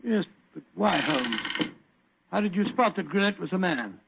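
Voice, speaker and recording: An actor playing a bumbling, earnest English gentleman doctor with a British accent and a blustery, puzzled manner in an old radio drama. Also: sits high, animated, normal speed, creaky, noisy background. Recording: tinny narrow-band old radio recording.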